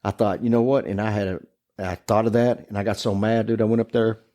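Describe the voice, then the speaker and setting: A man's voice: lowish voice, little pitch movement, brisk, dark tone. Rambling profane man telling a story. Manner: rambling, profane, laughing through his story. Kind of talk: casual ghost story chat.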